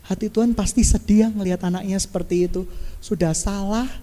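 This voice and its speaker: A man's voice: sits high, steady tone, a little fast, dark tone. A man preaching a sermon emphatically, often acting out the voices of the people he describes. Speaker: pastor. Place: church hall. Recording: long church-hall reverb.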